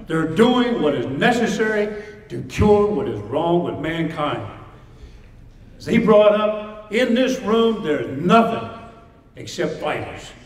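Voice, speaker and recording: A man's voice: high voice, sing-song, slow. A man giving a rousing motivational pep speech to fighters, emphatic and built on repeated short phrases. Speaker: motivational speaker addressing fighters. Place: large indoor hall before an audience. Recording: echoey hall, distant mic, crowd present.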